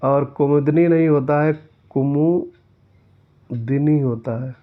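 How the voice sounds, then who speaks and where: A man's voice: mid-range voice, measured pace. A man teaching an exam-prep lesson who reads each question aloud and then corrects it step by step. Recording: tinny phone-like sound.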